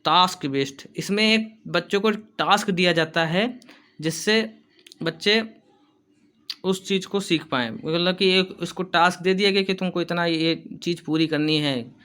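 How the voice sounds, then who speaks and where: A male teacher giving an exam-prep lesson, reading English lines slowly and then explaining them in quick, casual Hindi. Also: on the high side, a bit bright, smooth.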